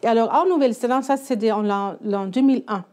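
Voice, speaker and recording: A woman's voice: a little high, fast talker, a little mellow. A woman, a church women's ministry leader, telling her story in a church interview, in French with a non-native accent, hesitating as she searches for words. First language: Icelandic.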